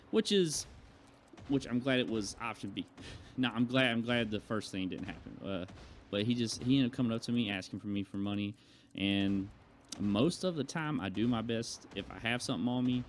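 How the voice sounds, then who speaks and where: There's slight background noise as a young man in his early adult years chats to his viewers at normal speed, his pitch in the medium range. The vlogger meanders through a personal tale in a conversational style, voicing the remarks he quotes.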